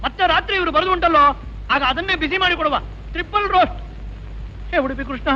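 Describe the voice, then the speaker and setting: A man's voice: extremely high pitch, quick pace, a little hiss or hum. An actor playing a put-upon restaurant owner who mutters sarcastic complaints under his breath, in 1980s film acting. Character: put-upon middle-aged man running a restaurant, sarcastic and grumbling. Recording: dull old film soundtrack.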